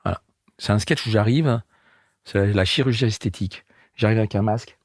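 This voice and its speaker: A man in his sixties, a comedian and guest, telling animated anecdotes in casual chat and acting out the people he quotes. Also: fairly low pitch, a little fast, no echo, clean studio sound. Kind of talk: casual storytelling.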